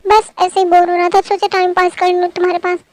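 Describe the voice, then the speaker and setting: A woman voicing a teasing young man, very high. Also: level tone, quick pace. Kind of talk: amateur Hindi fan-dub acting.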